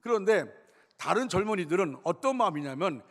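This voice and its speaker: A man's voice: high voice, animated, fairly quick. A man, the senior pastor, preaching a sermon in a church sanctuary, emphatic, repeating key phrases and addressing the congregation directly. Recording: long church reverb.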